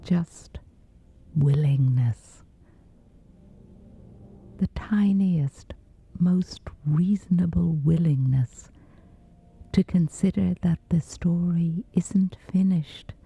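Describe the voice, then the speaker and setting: A meditation guide leads a scripted sleep meditation, her deep voice lowered to a soothing, breathy whisper that never hurries. The recording's high frequencies are cut off.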